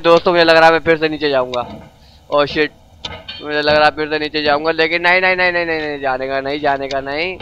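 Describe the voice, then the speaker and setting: A man giving excited let's-play commentary, coaxing and yelling at his game character, his throat dry from shouting. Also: fairly high pitch, quick pace, dull audio, slight background noise. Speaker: gaming video host.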